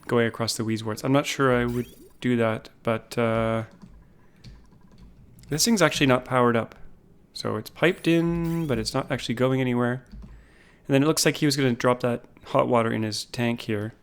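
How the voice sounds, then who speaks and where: A man casually talking through a game base, thinking aloud with frequent pauses. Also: medium pitch, clean tone. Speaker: gaming YouTuber. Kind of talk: casual gameplay commentary.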